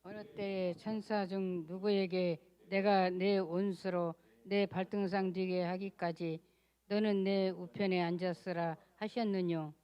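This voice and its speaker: Congregant woman, slow even scripture reading, smooth tone, muffled from afar. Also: fairly low pitch.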